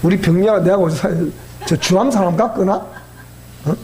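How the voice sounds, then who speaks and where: A middle-aged male pastor with a Gyeongsang Korean accent, preaching in a folksy, animated storytelling manner. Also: sits high, moderate pace. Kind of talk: sermon.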